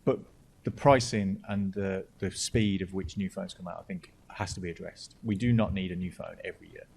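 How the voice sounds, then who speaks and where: A man's voice: deep voice, steady tone, fairly quick, gravelly, a little mellow, husky. A man hosting a casual podcast chat, joking and restarting his sentences often. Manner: jokey, rambling, with repeated restarts. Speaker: podcast host.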